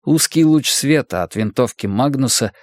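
A man narrating an audiobook in a steady, measured reading. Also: medium pitch, no room sound, clean studio sound. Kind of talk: scripted narration.

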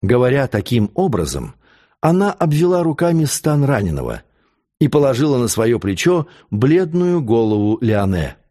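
A man narrating an audiobook in an expressive, theatrical reading. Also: medium pitch, moderate pace. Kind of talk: audiobook narration of a historical novel.

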